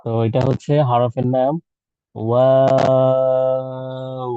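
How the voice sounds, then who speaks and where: A patient male teacher speaks in a very dark, mellow voice, dry and close to the mic. He slowly drags out each letter sound for young learners in an online class, and the audio is a little dull and muffled. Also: mid-range voice, steady tone, no room sound. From Bangladesh. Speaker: Quran teacher for children.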